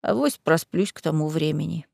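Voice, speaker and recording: A woman voicing a drunk, hiccuping middle-aged town mayor who talks slowly and slurs. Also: sits low, gravelly, a little mellow, no echo, clean studio sound, pitched below the performer's own voice, heavily acted. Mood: drunken. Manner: slurred, slow drunken speech.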